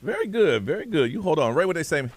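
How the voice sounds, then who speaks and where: A man hosting a morning radio call-in show, playful and animated with callers. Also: fairly high pitch, quick pace, no echo. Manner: lively, playful, shouts catchphrases. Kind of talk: casual call-in chat. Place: radio studio.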